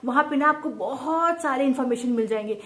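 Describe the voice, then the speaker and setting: Chatty high-voiced woman vlogging at home. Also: fairly bright tone. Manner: chatty and quick, mimics others' speech. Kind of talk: casual vlog chat. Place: indoor home. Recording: echoey room, faint background noise.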